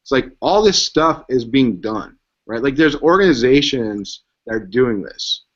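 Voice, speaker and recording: A man with a mid-range voice talks through tech ideas in a relaxed, conversational way. The audio is dull and lo-fi. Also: medium pitch. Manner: quick, conversational, fond of "like" and "right". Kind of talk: casual tech panel chat.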